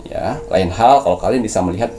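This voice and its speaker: A man's voice: fairly low pitch, quick pace, warm tone, soft background music. A man speaking as a spiritual medium, giving preachy mystical advice and coaching his listeners. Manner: preachy, coaching tone, addresses viewers as "sayang".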